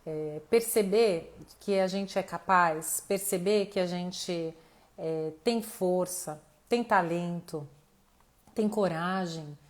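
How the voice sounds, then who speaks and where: A Brazilian woman, a mentor hosting an online live class, gives informal motivational teaching to camera in a lowish voice, taking it slowly. Conversational, she addresses her audience directly and thinks aloud while her voice tires and slips a bit.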